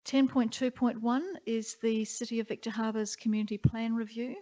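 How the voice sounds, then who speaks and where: Woman mayor running council votes, flat steady tone, muffled lo-fi audio. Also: fairly high pitch. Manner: brisk, procedural. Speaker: mayor chairing a council meeting. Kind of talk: formal meeting procedure.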